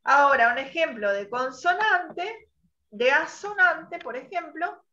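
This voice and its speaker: A woman teacher leading an online class, patiently quizzing students and spelling out sounds slowly. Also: high voice, lively intonation, sharp tone. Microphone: video call. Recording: muffled online call audio.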